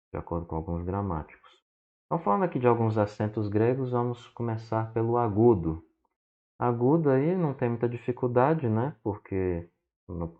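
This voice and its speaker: A man teaching from slides who explains slowly, checks in with "né?" and spells words out one syllable at a time. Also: lowish voice. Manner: explains slowly and often adds "né?". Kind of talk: slide lesson. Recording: dull lo-fi recording.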